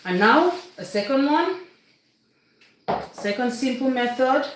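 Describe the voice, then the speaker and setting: In a very echoey room with faint noise, a woman from Cameroon leads a casual live baking session in Cameroonian English, chatting, instructing, and repeatedly checking in with viewers. Her voice is high with lively intonation, and she speaks slowly.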